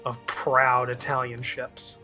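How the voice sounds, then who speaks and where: A tired man in voice chat, his voice bright and forceful even as he fumbles for his words. He trails off mid-sentence often, short on sleep. He sounds like he's gaming with friends on a headset. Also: medium pitch, slow, faint music behind. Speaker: multiplayer game player. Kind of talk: casual voice-chat banter.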